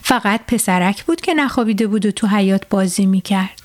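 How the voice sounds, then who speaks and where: A woman hosting a children's show, reading a bedtime story aloud and speaking directly to the children in an unhurried way. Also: mid-range voice.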